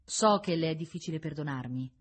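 A woman reading the part of a remorseful young nobleman, speaking stiffly and haltingly, near tears. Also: low-pitched.

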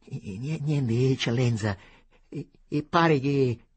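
A man's voice: a little high, big pitch swings, measured pace, breathy edge, voice pushed up, exaggerated voice. A man voicing an anxious, deferential male servant who stammers.

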